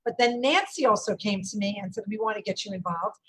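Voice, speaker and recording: A Brooklyn woman with a New York accent, who owns an event company, speaks emphatically in a panel discussion held over a video call. Her mid-range voice is big, fast, fairly bright, and a bit breathy, and the video-call audio is low quality.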